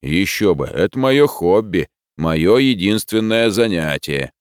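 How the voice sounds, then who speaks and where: A man's voice: deep voice, lively intonation, unhurried, dry recording, clean studio sound. A man voicing a boastful, snide young man who lectures others about manners. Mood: smug. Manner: snide, fussy and sanctimonious. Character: boastful smug young man, a show-off liar. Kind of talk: audiobook character voice.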